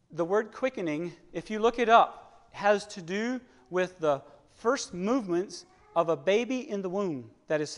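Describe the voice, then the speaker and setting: A man in his thirties preaching a sermon in an earnest, halting way, often repeating words as he searches for them. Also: a little high. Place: church hall. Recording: long hall reverb.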